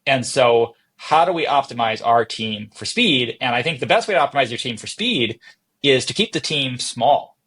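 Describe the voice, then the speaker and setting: A tech startup CEO is the guest on a conversational podcast interview, speaking informally and laying out his thinking through examples and questions he asks himself. His voice is medium-pitched, expressive, a bit bright and husky, at a normal speed.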